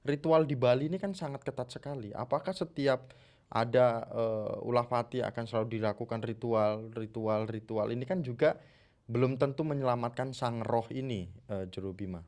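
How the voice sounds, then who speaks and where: Male interviewer, mid-pitched voice, hesitant rambling questions. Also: moderate pace, a little mellow.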